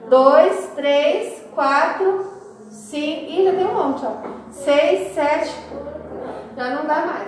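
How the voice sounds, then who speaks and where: This is a female schoolteacher's classroom instruction, laid out step by step as she counts syllables aloud. Her voice sits high, and the distant recording in an echoey room carries slight background noise.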